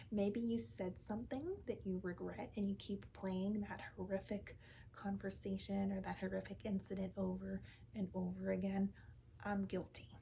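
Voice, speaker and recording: A woman in an ASMR role-play as a calm, soothing counselor, speaking softly and often in a breathy soft voice, gently reassuring in short repeated phrases. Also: medium pitch, slight background noise, poor audio. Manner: calm, soothing therapist manner.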